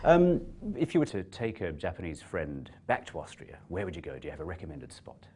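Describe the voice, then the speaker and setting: Male radio host, deep-pitched, easygoing interviewer with a light touch. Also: fairly quick, husky. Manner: relaxed, friendly, laughs easily. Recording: faint background noise.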